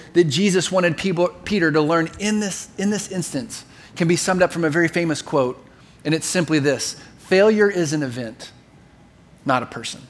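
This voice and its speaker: A middle-aged man preaching a sermon in an animated, conversational way, acting out voices as he speaks. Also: high voice. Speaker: pastor.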